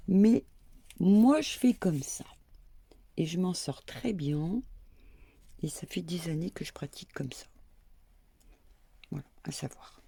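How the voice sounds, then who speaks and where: A woman in middle age narrates a casual sewing tutorial from her home workroom, chatting and laughing at her own slips as she pins and measures. Her voice is dark and mellow, with a gravelly fry and a husky edge. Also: fairly low pitch. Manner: chatty, self-mocking, talks while working with many "hop" and "voilà".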